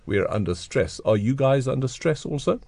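A man hosting a radio interview, asking his guests questions in a relaxed, conversational way. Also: mid-range voice, a little fast, gravelly, dry recording. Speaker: radio show host.

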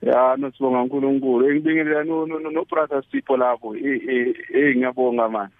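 A man with a South African Zulu accent, a native Zulu speaker, giving halting, repetitive personal testimony as a caller and switching between English and Zulu. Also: mid-range voice, fairly even intonation, dry recording. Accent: South African Zulu-language. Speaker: caller to a religious radio show. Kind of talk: personal testimony, casual and conversational. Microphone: telephone. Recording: tinny phone line.

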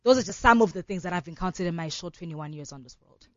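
Talking fast in a fairly low voice, a South African woman in her twenties gives a radio interview as a law student and founder of an organization. She is earnest and fluent, leaning heavily on fillers such as "you know." The recording is dry and dull.

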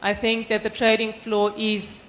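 A woman with a croaky, congested frog voice, presenting statistics to a panel audience in a measured, formal way. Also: a little high, completely flat delivery, a little hiss or hum, poor audio. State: croaky from post-nasal drip. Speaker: panelist from a brokerage.

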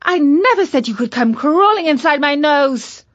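A woman's voice: high-pitched, sing-song, slow, highs cut off, pitched above the performer's own voice, exaggerated voice. A woman voicing a bold young girl witch who scolds sharply. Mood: indignant.

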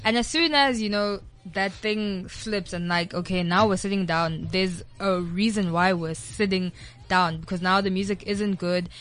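A young South African woman, a guest DJ, chats casually in an interview at normal speed in a medium-pitched voice. She's animated and says "like" constantly.

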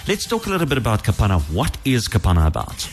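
A man's voice: on the low side, wildly swooping pitch, quick pace. A man with a Namibian accent, a native Afrikaans speaker, chatting in an affirming way as a radio interview host.

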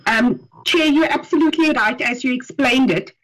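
Woman giving measured legal advice. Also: high voice, a bit bright, rough recording. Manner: measured and explanatory. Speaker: legal advisor. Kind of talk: formal explanation in a meeting.

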